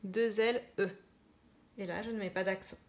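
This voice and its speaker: A woman teacher giving children a slow spelling dictation, repeating each word and spelling it out. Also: mid-range voice, fairly even intonation. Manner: slow, deliberate, spells out words and repeats them. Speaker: primary school teacher.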